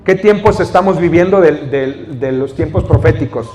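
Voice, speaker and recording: A man's voice: fairly high pitch, moderate pace, dark tone, big-room sound. A male pastor with a Mexican Spanish accent preaching a sermon in a church, reading scripture and explaining it with questions to the congregation. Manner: teaching, reads scripture then explains, asks the congregation questions. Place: church hall.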